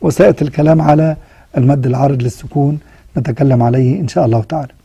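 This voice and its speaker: A man with an Egyptian accent teaching Quran recitation rules, mixing formal Arabic with colloquial asides and chanting the verse examples slowly. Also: medium pitch, fairly even intonation, vocal fry, mellow, slightly rough, dry recording. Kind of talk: tajweed lesson with recited examples.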